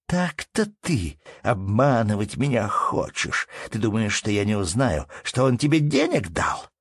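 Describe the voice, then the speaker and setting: A man's voice: fairly low pitch, huge pitch swings, unhurried, breathy edge, dry recording, studio quality, pitched above the performer's own voice, full character voice. A man voicing a furious middle-aged wife of a village steward who screams accusations and wails at her husband. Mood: scolding. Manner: shrieking, accusing, wailing.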